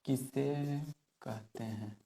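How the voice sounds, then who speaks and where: A man's voice: medium pitch, very slow, creaky, dark tone, slight background noise. A man teaching a physics class at a board, explaining step by step and repeating key words, his voice drifting off-mic while he writes.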